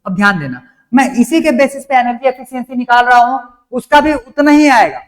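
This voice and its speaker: Male teacher, very high voice, explains step by step and keeps checking the class follows. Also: expressive, brisk. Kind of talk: classroom lecture.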